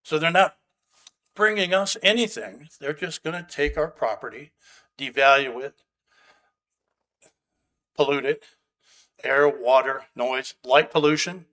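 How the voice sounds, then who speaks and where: A man's voice: fairly high pitch, measured pace, pauses often, sharp tone. A man speaking at a county meeting as a resident giving public comment, blunt and sarcastic, angry about the project. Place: county commission meeting room.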